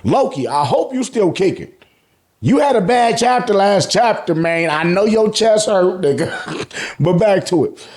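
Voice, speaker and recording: An American YouTube host recaps manga in a casual, slangy way, telling the story colloquially and acting out reactions. His voice sits high and is a little mellow, animated, and slightly slow.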